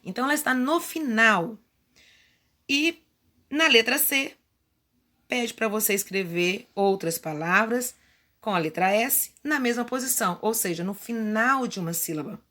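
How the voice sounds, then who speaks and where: A woman's voice: a little high, unhurried, pushed and bright. A female primary school teacher from Brazil patiently going through workbook exercises step by step in a remote lesson. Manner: patient, explains step by step with diminutives.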